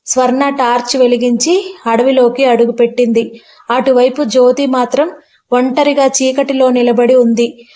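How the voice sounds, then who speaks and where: A woman narrating a scripted horror story in a measured, suspenseful reading. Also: fairly high pitch, a little mellow.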